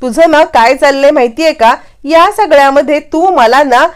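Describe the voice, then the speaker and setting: A woman's voice: high-pitched, normal speed, pitched above the performer's own voice, lightly acted. A woman voicing a quarrelsome, sarcastic young man in a serial recap, in a taunting, argumentative way. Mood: irritated, taunting.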